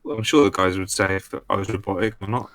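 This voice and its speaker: A man's voice: low voice, fairly even intonation, fast talker, fairly bright tone, no echo. A man speaking as a guest over a voice chat, matter-of-fact, his voice sounding robotic through the digital line. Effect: robotic digital distortion from a voice-chat line. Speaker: stream guest. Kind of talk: casual call-in chat.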